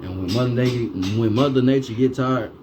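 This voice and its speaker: A vlogger with a mid-range, fairly quick male voice rants in a monologue, swearing heavily and firing off rhetorical question after rhetorical question. Steady background noise runs under the recording.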